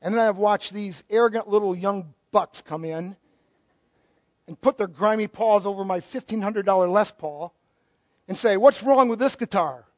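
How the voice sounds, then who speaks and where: High-voiced middle-aged man preaching. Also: steady tone, normal speed, dry recording. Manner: conversational preaching with joking asides. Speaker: pastor. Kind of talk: sermon. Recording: dull, dry lo-fi recording.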